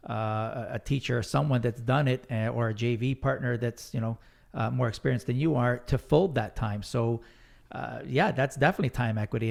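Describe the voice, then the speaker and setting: A man co-hosting a casual podcast over a computer mic, heard with a slightly echoey room sound, talking in a halting way with repeated words and restarts. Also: mid-range voice, vocal fry, a little mellow. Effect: slightly echoey room sound on his mic. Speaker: podcast co-host. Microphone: computer microphone on a remote call.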